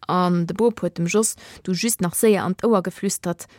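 A woman narrating a children's radio story in a lively reading voice, giving the characters their own voices. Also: on the low side, moderate pace, no room sound, clean studio sound.

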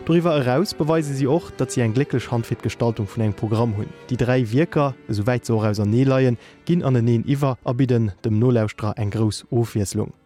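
A man's voice: mid-range voice, warm tone. Man reading a radio music review. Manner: measured, read from a script. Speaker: music critic. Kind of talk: scripted radio album review.

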